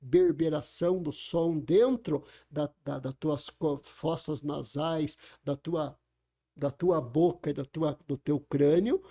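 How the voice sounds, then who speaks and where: A man speaks on a podcast. His voice is gravelly, mellow and a little high. He teaches in an emphatic way and asks the listener rhetorical questions. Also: fairly even intonation, slow pace. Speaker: communication speaker. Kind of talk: conversational explaining. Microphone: podcast microphone.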